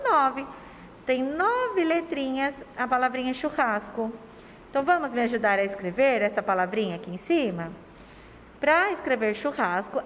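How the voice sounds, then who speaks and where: A woman teacher from Brazil giving a lesson to young children, slowly stretching syllables and asking them questions affectionately. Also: fairly high pitch, long reverb tail, slight background noise. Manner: sing-song, stretches words and syllables slowly.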